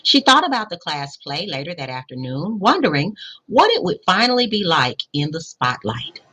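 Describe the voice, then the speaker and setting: A woman reads a picture book aloud for children in a low, husky voice. Her pitch moves around in a lively, expressive way. She sounds like a principal at storytime, stopping to explain and to ask questions. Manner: pauses to explain and question listeners. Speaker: school principal reading to children.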